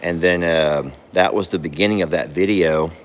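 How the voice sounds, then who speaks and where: A man talks casually in a low voice while working in a barn. He coos at his animals and jumps to a much higher pitch when he scolds them. A faint hiss sits behind him. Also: fairly even intonation, normal speed, dull audio. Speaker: farm vlogger. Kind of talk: casual vlog chat while doing barn chores.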